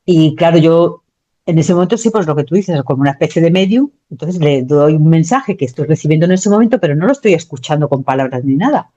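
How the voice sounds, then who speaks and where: Dark-voiced woman, lo-fi. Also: deep voice, fast. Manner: animated, many restarts and repetitions. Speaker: guest recounting a near-death experience. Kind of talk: conversational interview storytelling. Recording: dull lo-fi sound.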